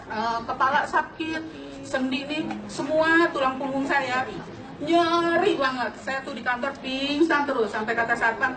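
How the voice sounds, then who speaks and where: A woman in her late forties tells her own story to a seated audience, her voice pitched high and full of life, often breaking into laughter. She sounds distant from the microphone, and her words echo around a big hall with a crowd close by. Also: measured pace. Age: late 40s. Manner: animated, laughing often, addresses the audience directly. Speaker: customer giving a testimonial. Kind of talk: lively personal testimony to an audience.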